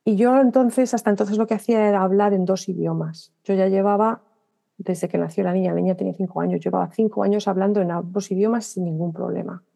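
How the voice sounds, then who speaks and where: A middle-aged woman from Spain with a Spanish accent, a writer and guest on a podcast interview, telling stories briskly and acting out remembered dialogue, often restarting her sentences. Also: mid-range voice, steady tone, gravelly, warm tone. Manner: talks in quick bursts with restarts and self-corrections.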